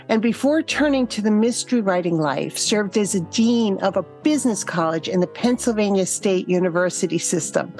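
A woman with a Boston accent hosting an interview podcast. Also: medium pitch. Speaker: podcast host.

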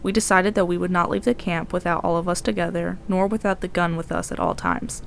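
A woman with a gravelly, creaky voice reads a horror story in a calm, even manner. A faint rumble runs under the recording. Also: a little fast. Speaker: podcast host.

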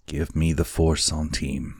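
A man reading an audiobook, voicing a kindly, frail old man in a soft, hushed voice. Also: very deep voice, level tone, a little slow, breathy edge, dry recording, studio quality, full character voice. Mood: gentle. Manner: soft, hushed, half-whispered.

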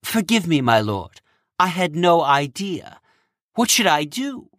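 A man's voice: a little high, big pitch swings, unhurried, fairly bright tone, no echo, studio quality, voice pushed up. A man voicing an earnest female weaver of fates who speaks politely and plainly to her lord. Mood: apologetic.

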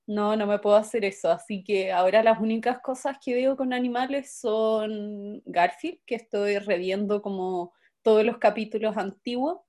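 A woman with a Chilean accent in casual chat, an expressive, self-mocking storyteller who repeats her phrases. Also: mid-range voice, moderate pace, hardly any pauses. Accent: Chilean Spanish.

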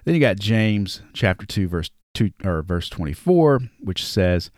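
A man with a Southern drawl talks casually through Bible verses, reading scripture aloud between loose, conversational asides. His voice sits fairly low, and the recording is dry and close. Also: very animated, a little slow, a little mellow, no room sound. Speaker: podcast host. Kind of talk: casual Bible study talk.

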